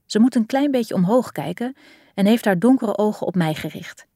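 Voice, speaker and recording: A woman reading a first-person audiobook in an expressive storytelling manner. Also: mid-range voice, normal speed, no room sound, clean studio sound. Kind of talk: audiobook narration.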